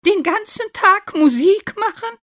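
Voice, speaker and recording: A woman voicing an old farm rooster in a storybook reading, crowing and excited. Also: extremely high pitch, unhurried, pitched above the performer's own voice, full character voice. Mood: startled. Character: old farm rooster, loud, fearful then eager.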